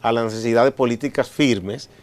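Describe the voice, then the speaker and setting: A man with a Dominican accent hosting a studio talk show, speaking in a measured, explanatory way with frequent pauses. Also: medium pitch. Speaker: host.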